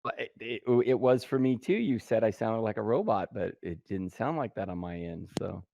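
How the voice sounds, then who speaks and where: A man co-casting a tank game match over voice chat, easygoing and quick to laugh. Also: fairly low pitch, vocal fry, dark tone, no echo. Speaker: co-caster. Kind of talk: esports commentary.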